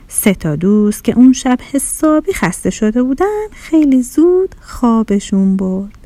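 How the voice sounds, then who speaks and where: A woman's voice: medium pitch, no room sound. A woman narrating a children's story in a playful storybook manner. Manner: warm storybook telling, playful rhyming words.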